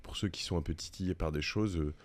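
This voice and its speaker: A man with a low voice chats in a loose, conversational way, full of fillers and restarts. He hosts a casual interview and thinks aloud as he goes. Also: fast. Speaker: podcast host.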